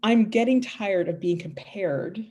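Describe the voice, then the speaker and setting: A woman from Canada, medium-pitched and unhurried, chats casually as a podcast guest. She tells animated stories with plenty of emphasis and frequent laughter.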